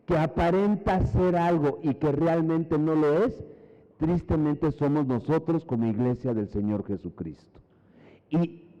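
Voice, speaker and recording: A man's voice: a little high, warm tone. A man preaching a sermon, emphatic and repetitive, often asking the congregation if they follow him. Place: church hall. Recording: muffled church hall reverb.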